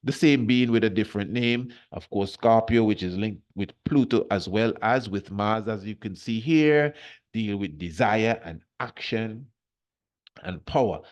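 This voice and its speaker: A man's voice: fairly low pitch, a little slow, muffled recording. A man teaching astrology as an informal lecture, speaking in emphatic short phrases and repeating key words.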